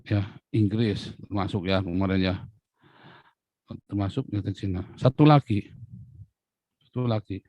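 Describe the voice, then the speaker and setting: A man giving an angry political rant as a channel commentator, swinging between loud outbursts and low muttering. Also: unhurried, long pauses, dry recording.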